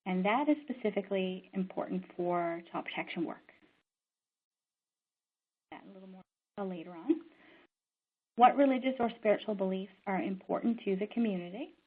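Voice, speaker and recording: Middle-aged woman, social worker, instructional talk, mid-pitched, earnest, pauses with um, thin phone-like recording. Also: breathy edge. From Newfoundland and Labrador, Canada. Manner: earnest, steady and conversational, often pausing on "um". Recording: narrow, tinny phone-like sound.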